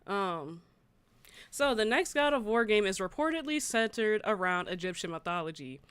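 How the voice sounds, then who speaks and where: A woman hosts a gaming livestream, chatting casually with viewers, reading news articles aloud and reacting in a conversational way. Her medium-pitched voice is expressive and fairly bright, moving at a normal pace. The sound is clean, with no room noise.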